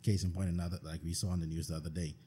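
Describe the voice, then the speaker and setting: A man's voice: sits low, little pitch movement, rapid-fire, warm tone, a little hiss or hum. A Bahamian man, a podcast guest, talking bluntly and earnestly in a casual discussion, often repeating himself.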